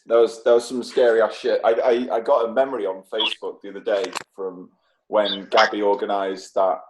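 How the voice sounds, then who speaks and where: A man's voice: on the low side, flat delivery, a little fast, rough recording. A man in his mid-thirties from the UK, hosting a casual podcast chat with lots of swearing and laughter. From United Kingdom. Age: 30s. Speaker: podcast host.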